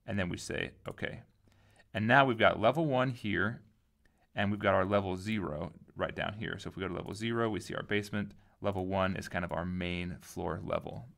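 A man with a lowish, gravelly voice walks through a software tutorial in a loose, relaxed way. He thinks aloud and lets his sentences trail off. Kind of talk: casual screen-recorded tutorial.

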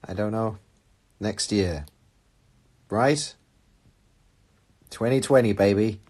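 A man's voice: lowish voice, slow pace, husky. Young man chatting on a phone livestream. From England. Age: young adult. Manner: chatty and animated, reads out viewer comments. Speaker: livestream host answering viewer questions. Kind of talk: casual chat. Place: small room indoors, seated on red sofa. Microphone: phone at arm's length.

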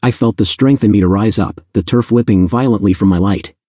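A man's voice: lowish voice, a little fast, mellow, dry recording, clean studio sound. A man narrating a first-person fantasy audiobook in an intense, blunt, casually profane storytelling manner.

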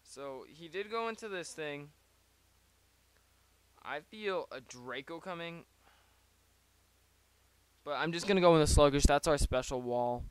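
A man's voice: on the high side, lively intonation, measured pace, pauses often, clean tone. A man giving casual, rambling play-by-play of his own online battle, with joking asides, close to a desk microphone. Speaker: league player.

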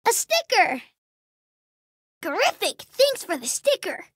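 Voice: very high-pitched, wildly swooping pitch, a bit bright, dry recording, studio quality, heavily acted. A young performer voicing a cheerful, eager boy tiger cub in a children's cartoon game, speaking simply and kindly to small children. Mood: cheerful, friendly. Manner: simple, slow, friendly instruction to young children.

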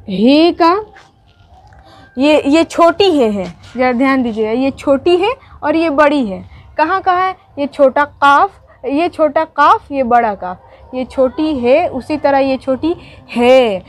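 A woman teaching the alphabet, asking questions and answering them herself, repeating each sound slowly and carefully. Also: sits high. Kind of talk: teaching Urdu letters at a board.

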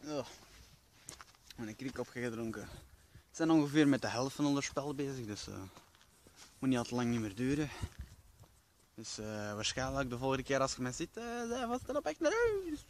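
A young male vlogger with a medium-pitched, lively voice chats casually at a moderate pace, rambling playfully with lots of fillers and long pauses. He films himself on a handheld camera held at arm's length, and the audio is noisy.

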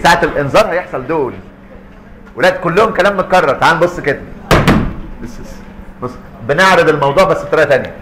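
A man with an Egyptian Arabic accent giving a lively physiology lecture to students, quizzing them and acting out little scenes. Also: a little high, slight background noise, poor audio. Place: lecture hall.

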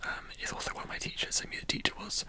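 A young British man chatting casually in a breathy ASMR whisper, rambling and confiding. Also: very fast. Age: young adult. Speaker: ASMR video host.

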